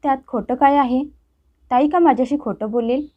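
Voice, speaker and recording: A woman's voice: sits high, moderate pace, lo-fi sound. Woman reading as an angry young husband. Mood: stern. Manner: harsh, scolding. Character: stubborn young husband, quick to anger.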